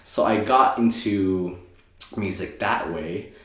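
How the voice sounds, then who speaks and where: A deep-voiced young man from Thailand, a native Thai speaker, rambles through his story as an interview guest. He keeps adding fillers and correcting himself, and his voice rings around a very echoey room. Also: slow. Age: 20s. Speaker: guest, optometrist and DJ.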